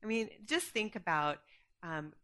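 A woman giving an earnest, conversational sermon in short phrases, pausing after each so an interpreter can follow. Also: lowish voice, sing-song, pushed and bright. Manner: earnest, conversational, with fillers and restarts. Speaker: guest speaker preaching through an interpreter.

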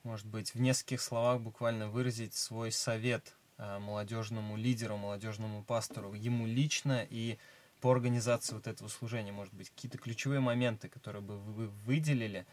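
Male interview host, somewhat low pitch, courteous and formal. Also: steady tone, brisk. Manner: polite, formal questions. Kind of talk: hosting a religious interview.

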